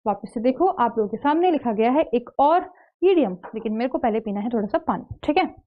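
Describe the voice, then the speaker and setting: An Indian woman teaching English in an online exam-prep lecture. She explains slowly and keeps checking in with her students. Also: fairly high pitch, animated, dull audio. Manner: explains slowly, checks in with "theek hai?" after each point.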